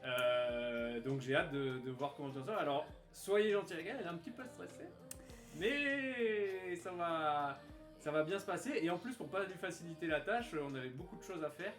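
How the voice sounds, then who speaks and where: A man co-hosting a live stream, chatting and explaining in a relaxed way, often laughing as he talks. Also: on the high side, moderate pace, soft background music. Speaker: streamer co-host. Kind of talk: casual live stream chat. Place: bedroom studio. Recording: roomy bedroom echo.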